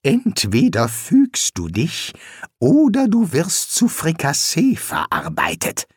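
A nervous, cowardly wizard talks in a raised, wary voice, as a man reading an audiobook puts him on. His pitch moves around a lot, and he stretches out his words. The recording is close and dry. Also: huge pitch swings, slow, dry recording, heavily acted. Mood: threatening. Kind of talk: audiobook character voice.

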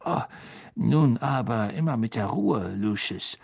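A flustered, sweating minister, as a male audiobook reader puts him on, talking nervously and placatingly. His voice is low, husky and creaky, and he speaks slowly. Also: animated, a little mellow, exaggerated voice. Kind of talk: audiobook reading.

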